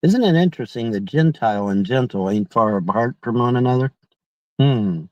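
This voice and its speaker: Middle aged guy just rambling to his chat, mellow voice, really dry close sound, repeats himself. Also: medium pitch, lively intonation, normal speed, no echo, dull audio. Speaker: livestreamer reading and answering viewer chat. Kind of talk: rambling casual livestream chat. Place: inside a car.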